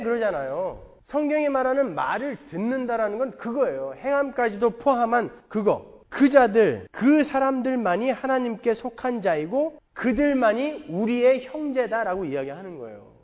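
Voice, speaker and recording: A pastor giving a sermon, telling a story with jokes and stressing his points. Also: sits high. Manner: animated storytelling with a joking, emphatic delivery. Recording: dull lo-fi sound in a long-reverb church hall.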